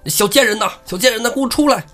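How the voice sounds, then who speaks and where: A man doing a shrill scolding old mother. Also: very animated, a little fast, soft background music. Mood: furious. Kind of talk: storytelling with character voices.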